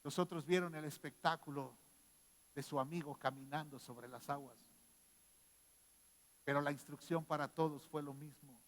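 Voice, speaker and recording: A man preaching a sermon as a pastor. He moves between quiet scripture reading and loud shouted exhortation. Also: fairly high pitch, fairly even intonation, normal speed, long pauses, big-room sound.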